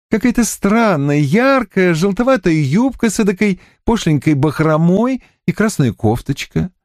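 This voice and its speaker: A man reading the part of a moody, sharp-tongued young woman in an audiobook, lifting his voice higher. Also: no echo, clean studio sound. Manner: lifts voice higher, gossipy and scornful.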